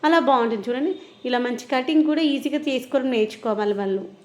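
A woman's voice: high-pitched, fast talker, darkish tone, a little hiss or hum. A woman chatting casually and explaining things to viewers as a vlogger. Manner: explanatory, conversational. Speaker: vlogger and mother.

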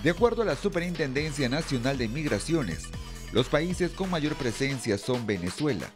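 A man narrates a news report from a script, clear and measured, with a lively, varied pitch. Music plays clearly underneath the voice-over.

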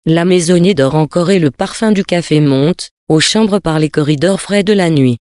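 A narrator reading old tales in a measured, literary manner. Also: mid-range voice, a little mellow, dry recording, studio quality.

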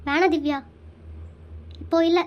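Performer voicing a soft-spoken heartbroken young woman. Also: very high-pitched, fairly even intonation, moderate pace, highs cut off. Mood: sad. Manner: soft, subdued.

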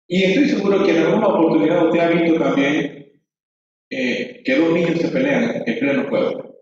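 A man's voice: on the high side, a little mellow, slight background noise. A man teaching Sunday school in a conversational way, acting out voices of quarreling children. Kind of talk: church teaching. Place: church hall. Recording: echoey, distant, dull church audio.

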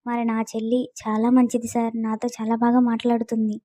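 A woman's voice: a little high, completely flat delivery, a little fast, dark tone, dry recording, clean studio sound, natural voice. A woman voicing a timid, fearful young wife in a storybook romance.

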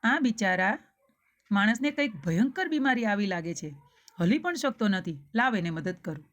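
A woman voicing a kindly grown man who rides a camel and is quick to anger, speaking in a raised, earnest voice. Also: mid-range voice, expressive, fairly bright tone, natural voice. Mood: pitying.

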